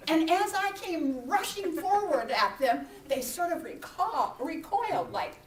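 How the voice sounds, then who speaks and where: A high, lively woman's voice tells a personal story from the pulpit, unhurried and full of swings from hushed to loud. She sounds a little distant in an echoey church hall with a faint hum behind her. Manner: animated, acts out her own frantic shouts and whispers. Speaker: minister. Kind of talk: sermon storytelling.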